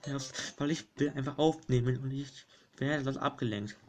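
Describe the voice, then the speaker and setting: A young man giving casual commentary over a platform game, fretting aloud, pleading, and yelling at enemies. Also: mid-range voice, normal speed, background noise. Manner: excitable, frets and shouts at enemies. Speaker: gaming YouTuber. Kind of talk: casual let's play commentary. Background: game music.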